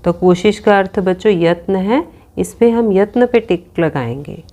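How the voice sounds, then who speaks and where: A woman's voice: medium pitch, unhurried, warm tone. A woman teacher working through a worksheet with children, reading out options and spelling words letter by letter.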